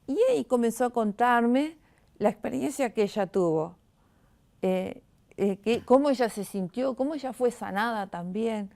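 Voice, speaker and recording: A middle-aged woman with a Rioplatense Spanish accent gives an emotional personal testimony as an interview guest. She speaks haltingly and often restarts her sentences. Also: fairly high pitch, vocal fry, dark tone.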